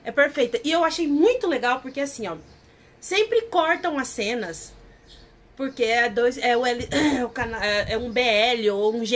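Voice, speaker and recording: A fairly high-voiced woman, talking effusively as she hosts a casual review. She recounts scenes and slips into the characters' lines. Faint noise hums under her voice. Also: a bit bright. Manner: effusive, retells scenes acting out dialogue. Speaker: channel host reviewing series.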